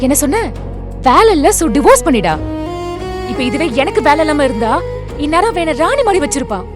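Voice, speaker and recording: A high-voiced young wife, played by an actress in a short film, pouring out anger and then pleading apologies. Her speech runs urgent and heartfelt. Soft music sits under her lines. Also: very animated, a little fast. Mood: angry. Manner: emotional, pleading.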